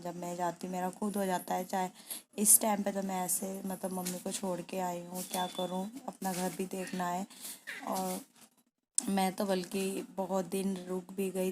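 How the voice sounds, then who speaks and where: A young woman narrating her own vlog in a soft, quiet, subdued voice, grieving and tearful at times. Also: fairly low pitch, a little hiss or hum. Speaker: vlogger. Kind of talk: personal vlog voice-over.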